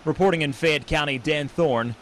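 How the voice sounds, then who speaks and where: An American man reporting the news and anchoring sports with a crisp broadcast delivery that turns jokey in the sports segments. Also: fairly high pitch, moderate pace, fairly bright tone, a little hiss or hum.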